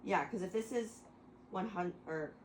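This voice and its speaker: A woman's voice: medium pitch, a little slow, roomy sound, noisy background. A woman rambling through a mock lecture to her friends, stopping and restarting and laughing often. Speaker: host explaining to friends. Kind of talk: casual chat, mock lecture.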